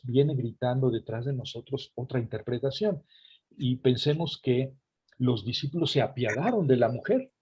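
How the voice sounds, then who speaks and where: Over a video call, a man teaches an online class on a scripture passage in a mid-range, slightly mellow, husky voice, though the recording is muffled. He explains as he goes and engagingly turns to listeners with asides.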